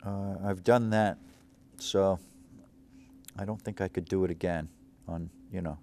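A man's voice: low voice, fairly even intonation, a little slow, darkish tone. A middle-aged man from Cape Cod hosting a local show, seated at a studio desk and wandering through reflective memories, full of fillers and restarts. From Cape Cod, Massachusetts. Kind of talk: rambling local-history monologue.

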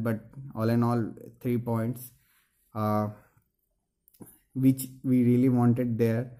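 A young man with an Indian English accent, giving an earnest, halting post-match analysis to camera from a small room, with many fillers and restarts. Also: mid-range voice, dark tone. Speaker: football fan vlogger.

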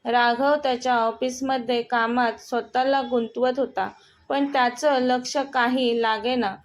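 A woman narrating a scripted romantic story in a measured, gently dramatic way. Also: a little high, fairly even intonation, rough recording.

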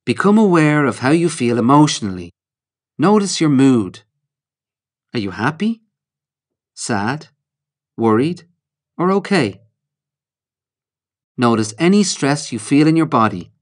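With a medium-pitched voice, a man leads a mindfulness meditation in short, calm phrases separated by pauses, his tone measured and instructional.

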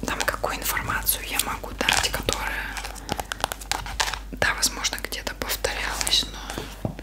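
Female ASMR creator, soft unvoiced whisper throughout, informal show-and-tell delivery, close-miked. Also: a little slow. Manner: informal, loose, thinking aloud.

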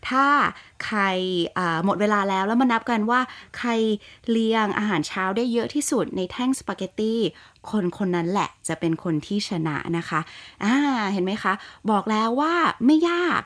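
A woman with a Thai accent hosting a podcast, speaking politely and encouragingly, and saying English words slowly and carefully. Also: medium pitch, animated. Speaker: podcast host. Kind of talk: scripted podcast talk.

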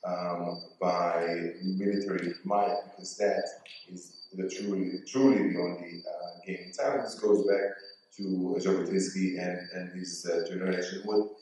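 A man with a fairly low voice picks his way through his points as a panelist, full of fillers and restarts. He sounds distant from the mic, and a strong hall echo surrounds every word. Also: flat delivery, a little slow, darkish tone, a little hiss or hum. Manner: hesitant, many fillers and restarts. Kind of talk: panel discussion remarks. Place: large auditorium stage.

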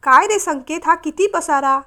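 A woman's voice: sits high, moderate pace, bright, forceful tone. A woman voicing a young mother who teases and lightly scolds her husband in a storybook reading. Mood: teasing. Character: warm teasing young mother, firm at heart.

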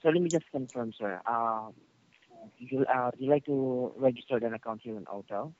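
The muffled, slightly noisy phone call features a male service agent speaking at normal speed in a medium-pitched voice. Polite and formal, he follows his customer service script and says "sir" constantly.

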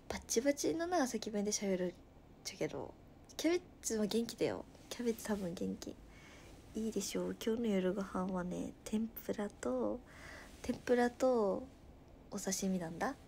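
A woman in her twenties from Nagasaki, chatting casually on a livestream with a Nagasaki dialect, reading viewer comments aloud and often dropping to a soft murmur. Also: medium pitch, expressive, moderate pace, vocal fry, pauses often, slight background noise. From Nagasaki, Japan. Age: 20s.

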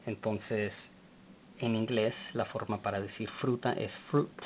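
A man teaching a language lesson, speaking slowly and spelling words out letter by letter. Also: fairly low pitch, steady tone, muffled recording, a little hiss or hum.

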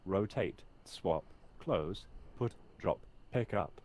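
A male video game robot with a synthetic robot voice, speaking flatly in stilted set phrases. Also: sits low, slow pace, slight background noise. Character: male household robot, calm and literal. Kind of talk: video game character dialogue.

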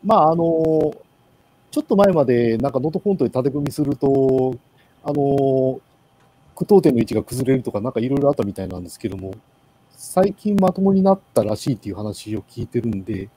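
A man giving a casual presentation in an online meeting, with many pauses and fillers. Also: medium pitch, expressive, warm tone, slight background noise, poor audio. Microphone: video call.

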